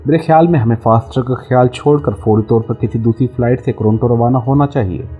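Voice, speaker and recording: A man's voice: mid-range voice, fairly quick, narrow, tinny audio, faint music behind, close to an everyday voice. A man voicing a cautious male army captain in a spy audiobook, respectful and reasoning. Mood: earnest.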